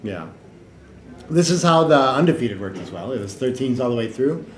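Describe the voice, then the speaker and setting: A man's voice: mid-range voice, sing-song, a little fast. Chatty man commentating in an echoey room. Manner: joking, chatty, trails off quietly. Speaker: tournament stream commentator. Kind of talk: casual live-stream commentary. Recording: echoey room with some background noise.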